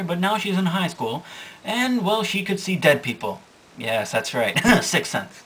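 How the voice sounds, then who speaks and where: A man's voice: on the high side, a bit bright, slight background noise. A young man casually recapping a manga's plot, rambling and correcting himself with amusement, recorded from a distance. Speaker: manga reviewer.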